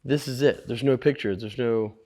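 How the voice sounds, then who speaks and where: A middle-aged man who runs a toy store, chatting casually and joking, his voice dropping low and quiet when he explains things. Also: moderate pace. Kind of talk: casual chat.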